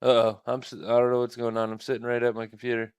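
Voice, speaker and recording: A man's voice: mid-range voice, completely flat delivery, fast, clean tone, dry recording. A man hosting a live trading stream, thinking aloud at his computer in a casual, rambling way.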